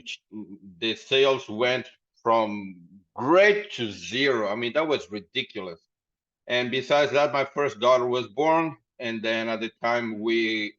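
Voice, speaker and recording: A podcast guest with a mid-range, slightly bright voice shares how he started his company, rambling and laughing a lot in a casual interview. The audio is dull and lo-fi.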